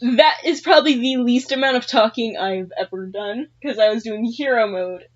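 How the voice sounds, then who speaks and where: A woman's voice: a little high, normal speed. A woman co-hosting a casual gaming podcast, candid and swearing casually. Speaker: podcast co-host. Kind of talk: casual chat. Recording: dull lo-fi podcast audio.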